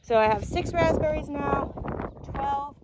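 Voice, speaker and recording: A woman chatting casually to camera as a homesteading vlogger, informally explaining chores outdoors with a tractor rumbling behind. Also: measured pace, heavy background noise. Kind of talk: casual vlog chat to camera. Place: outdoors on a farm.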